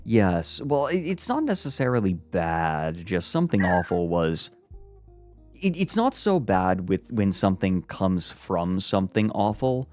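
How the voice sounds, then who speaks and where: A man co-hosts a laid-back stream, talking slowly and breaking into giggles as he reads jokes out. His throat sounds a bit worn from earlier yelling, and faint music plays quietly underneath. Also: low-pitched, sing-song. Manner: giggly, reads jokes aloud between laughs. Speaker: stream co-host. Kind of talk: casual stream chat. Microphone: podcasting mic.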